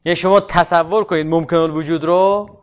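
A man's voice: fairly high pitch, fairly even intonation. A man giving a philosophy lecture, thinking aloud, asking himself questions and answering them, and stopping to correct himself. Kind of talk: university lecture. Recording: muffled lo-fi classroom recording.

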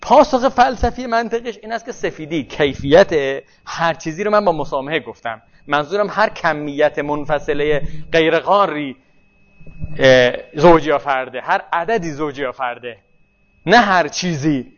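A man with a high voice gives a classroom lecture in a loose, conversational way, often stopping to ask if his students follow. The recording sounds dull and lo-fi. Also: expressive. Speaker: teacher.

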